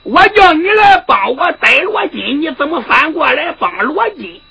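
A woman's voice: high voice, sing-song, normal speed, pushed and bright, husky, exaggerated voice. A woman storyteller voicing a furious, hot-tempered old male marshal, bellowing in sung recitation. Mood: angry. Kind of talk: Henan zhuizi sung storytelling.

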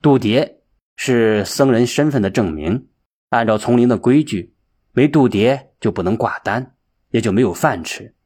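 Male audiobook narrator, husky voice, steady unhurried storytelling. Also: mid-range voice. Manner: slow, measured storytelling.

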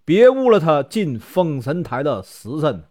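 A man plays a Taoist sage in a storytelling piece, calling out slow and stern that fate cannot be defied. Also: a little high, sing-song, darkish tone.

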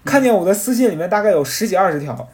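Fast-talking man telling a story. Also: high voice. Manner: animated, rambling storyteller with restarts and laughter. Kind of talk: casual podcast storytelling.

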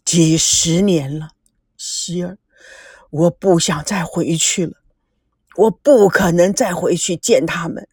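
A woman voicing a grief-stricken old man who speaks slowly and haltingly, choked with emotion. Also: lowish voice, a little mellow, slightly rough, no room sound, studio quality, voice pushed down. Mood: despairing.

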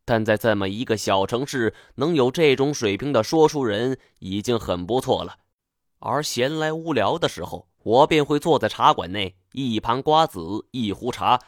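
A man narrating a spoken storybook in a measured, vivid way. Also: medium pitch, no echo, clean studio sound.

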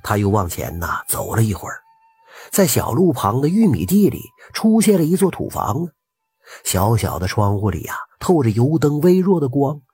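A man, telling a folk tale in a lively, intimate way with drawn-out particles. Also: medium pitch, slightly rough, soft background music. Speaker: storyteller. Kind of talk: oral folk storytelling.

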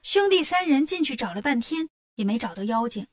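High-voiced woman storyteller. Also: fairly quick, dry recording, clean studio sound. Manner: lively, expressive. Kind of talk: children's story narration.

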